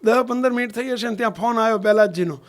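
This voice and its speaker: A man's voice: high-pitched, rapid-fire. A man, a swami giving a sermon, telling a story and keeps asking his listeners whether they understood. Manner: acts out the voices of people in his stories. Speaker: swami preacher. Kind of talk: sermon storytelling in a Gujarati satsang.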